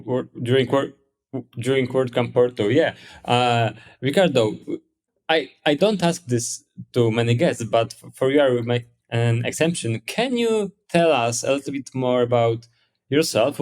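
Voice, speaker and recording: A man's voice: medium pitch, a little mellow. A man hosting a podcast interview who often stammers and restarts his words as he asks questions. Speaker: podcast host.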